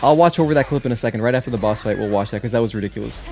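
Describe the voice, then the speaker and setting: Rapid-fire and darkish in tone, a medium-pitched man with vocal fry streams video games and offers loose commentary. He rambles to viewers, cutting off to react and answer them, over a backdrop of game music.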